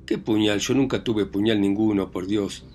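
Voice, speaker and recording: A man reading aloud voices a defiant, grieving young country widow who answers with sharp, indignant retorts. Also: lowish voice, fairly even intonation, moderate pace, faint music behind, natural voice. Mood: pleading.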